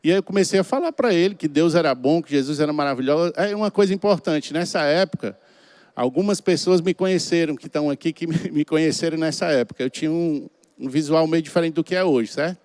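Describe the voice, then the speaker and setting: Cearense preacher telling stories, dry sound. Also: male voice, fairly high pitch, quick pace, a little mellow, no echo. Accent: Cearense Portuguese. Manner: chatty, colloquial, acts out quotes. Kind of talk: storytelling sermon.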